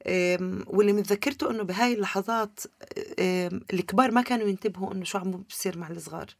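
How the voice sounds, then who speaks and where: Woman, Levantine Palestinian Arabic accent, interview guest, personal storytelling, rapid delivery, creaky voice. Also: medium pitch, dry recording, studio quality.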